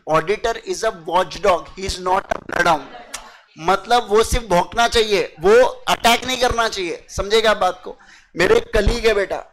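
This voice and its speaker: A man's voice: sits high, fairly bright tone, rough recording. A young man giving a chatty lecture to students. He mixes in English terms and keeps checking that they understand. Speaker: teacher. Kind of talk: casual classroom lecture.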